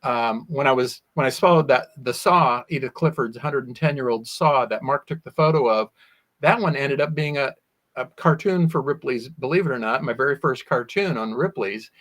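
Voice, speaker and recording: A guest sword swallower recounts his experiences in lively interview storytelling, often voicing what he used to say. He talks at a moderate pace in a mid-range voice that sounds a bit bright.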